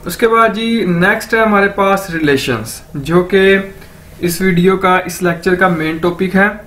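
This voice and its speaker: A man teaching an online language lesson, slowly repeating each word many times for drill. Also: high voice, fairly bright tone. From Pakistan. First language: Urdu.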